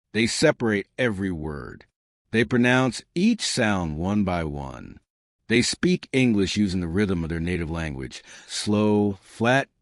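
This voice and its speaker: A man giving scripted English lessons in short, emphatic, measured phrases. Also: lowish voice, dry recording, clean studio sound. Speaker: English pronunciation teacher. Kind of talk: scripted instructional narration.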